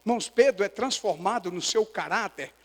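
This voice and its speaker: A male pastor preaching a sermon, acting out dialogue between Jesus and Peter and rising to shouted emphatic peaks. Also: high-pitched, fairly quick, in a large hall, poor audio.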